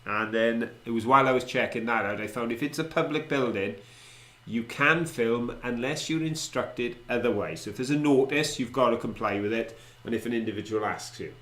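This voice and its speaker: A man's voice: medium pitch, brisk, fairly bright tone. A middle-aged man with a South Wales Valleys accent, co-hosting an online show and chatting casually to viewers. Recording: roomy, echoey indoor sound.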